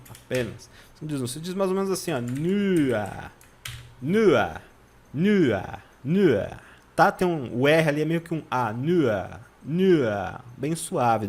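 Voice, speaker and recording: Brief: Brazilian male German tutor, slightly high voice, breaks words into syllables, constant check-ins. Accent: Brazilian Portuguese. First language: Portuguese. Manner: drills pronunciation, repeating words syllable by syllable. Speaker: German teacher. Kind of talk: online language lesson.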